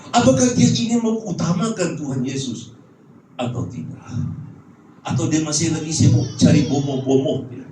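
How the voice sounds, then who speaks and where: A pastor preaches with animated jokes and strings of rhetorical questions. His voice sits high and echoes through a roomy church hall. A distant mic picks it up with faint noise behind. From Malaysia. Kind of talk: sermon.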